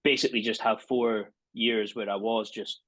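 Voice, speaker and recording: Easygoing Scottish Highland man, slightly low voice. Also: steady tone, moderate pace, fairly bright tone, no echo. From Inverness, Scotland. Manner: easygoing, informal, uses "aye" and "like". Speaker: guest musician. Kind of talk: casual interview chat. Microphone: earbuds on a remote call.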